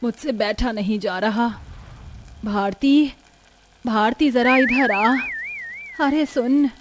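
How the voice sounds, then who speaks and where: A woman voicing a tired middle-aged mother in a storybook, softly scolding her daughters. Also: fairly high pitch, takes it slowly. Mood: weary. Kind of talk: storybook voice acting.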